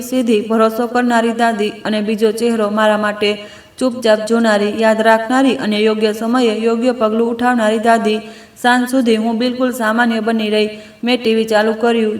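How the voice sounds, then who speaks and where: A woman reading a first-person family story aloud in an even, measured, subdued way. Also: on the high side. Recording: echoey room.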